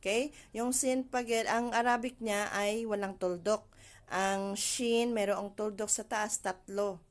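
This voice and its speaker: Slow, patient woman teaching letter sounds. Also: medium pitch. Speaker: Arabic alphabet teacher. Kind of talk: pronunciation lesson.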